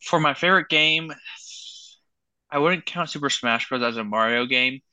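A man's voice: medium pitch, normal speed, sharp tone, dry recording, dull audio. A man co-hosting a podcast, chatting casually in a laid-back way with plenty of fillers and slang. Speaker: podcast co-host. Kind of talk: casual chat.

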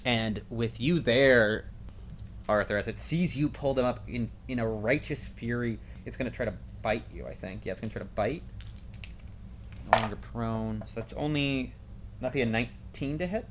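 A man runs a tabletop game in an easygoing, rambling way, often stopping to correct a word. His voice sits at an ordinary middle pitch. A faint noise hangs under the recording. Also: normal speed. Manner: casual, self-correcting, laughs at own jokes. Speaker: game master.

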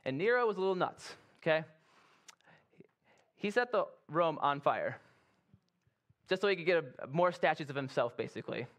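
Man, pastor, sermon, fairly high voice, conversational, playful asides. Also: animated, moderate pace, pauses often, a bit bright. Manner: conversational, acts out quoted soldiers with playful asides.

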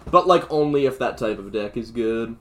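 A man's voice: medium pitch, animated, normal speed, fairly bright tone. A man co-hosting a gaming podcast, talking casually in a loose, rambling way with lots of fillers. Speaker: podcast co-host.

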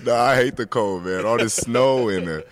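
A man's voice: medium pitch, moderate pace. A young man from Jamaica, a college basketball player, chatting casually as a radio guest and laughing easily. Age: young adult. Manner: relaxed, laughs easily, says "man" and "like" a lot. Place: student radio studio.

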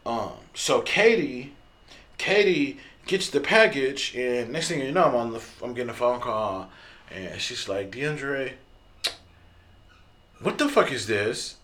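A man hosting a podcast, telling a story in a loose, profane, casual way with many fillers and throat clearing. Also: mid-range voice, animated, unhurried, fairly bright tone. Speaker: podcast host.

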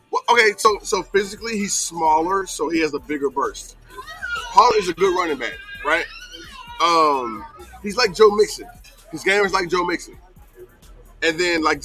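A man's voice: on the high side, pushed and bright, rough recording. A man co-hosting a casual sports chat, often chiming in with short agreeable asides. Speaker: co-host.

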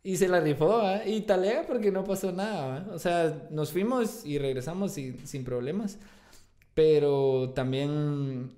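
A man's voice: a little high, a little slow, dark tone. A young man with a Guatemalan accent, a band singer and guitarist, telling a story in casual slang, full of tag questions and swearing. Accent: Guatemalan Spanish. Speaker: band vocalist and guitarist, guest.

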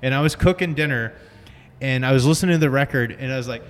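A man's voice: medium pitch, quick pace. A man chatting casually about music in a slangy, profane way. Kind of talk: casual chat. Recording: reverberant room with faint noise.

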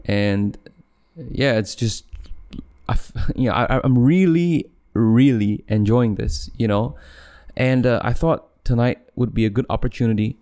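A young Malaysian man hosts his own solo podcast from a room at home, with the camera set back. His voice is medium-pitched and warm, a little slow, as he rambles casually, corrects himself, and laughs often.

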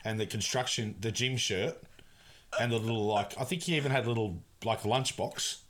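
A man's voice: fairly low pitch, normal speed, background noise. A man co-hosting a podcast, adding wry, joking remarks about a film. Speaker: podcast co-host. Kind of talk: casual film-review chat.

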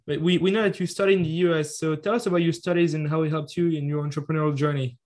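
A man's voice: fairly high pitch, steady tone, very fast, darkish tone. A man co-hosting a casual podcast interview, asking questions hesitantly with fillers. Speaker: podcast co-host.

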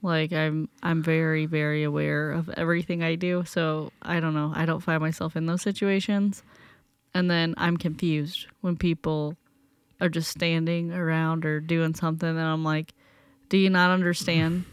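A young woman co-hosting a podcast talks in a chatty, teasing way. Her voice sits a little low for a woman. The recording is dry and close. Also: little pitch movement, normal speed, clean tone, no room sound. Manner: teasing, chatty, laughs easily. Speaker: podcast co-host. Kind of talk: casual chat.

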